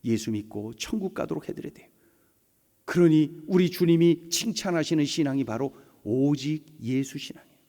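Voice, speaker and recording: High-voiced man preaching in a reverberant church. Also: lively intonation, moderate pace, mellow. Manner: emphatic, repetitive, leads congregation in call-and-response. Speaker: pastor. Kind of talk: sermon. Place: church sanctuary.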